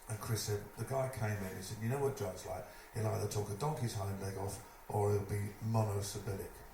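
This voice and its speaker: A man telling a lively stage anecdote, putting on other people's voices as he goes. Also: lowish voice, brisk. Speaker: storyteller at a live evening event. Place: live event venue, indoors. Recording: echoey room, distant mic, noisy.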